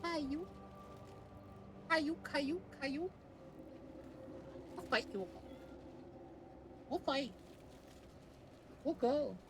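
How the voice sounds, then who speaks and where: A woman streaming a game live, chatting playfully with viewers and breaking into loud tsundere-style outbursts. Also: high voice, animated, drawn-out words, pauses often, noisy background. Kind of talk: live gameplay chat.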